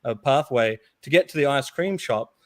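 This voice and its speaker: A man co-hosting a casual podcast chat, telling animated stories and laughing often. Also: mid-range voice, moderate pace, dry recording, clean studio sound. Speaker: podcast co-host.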